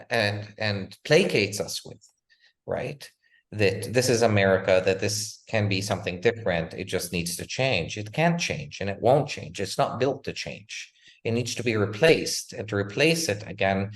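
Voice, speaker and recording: A man speaking as a guest author in an interview, talking with passion and rhetorical force, leaning on repeated "again" and "right?" as he presses his points. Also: on the low side. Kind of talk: impassioned interview talk.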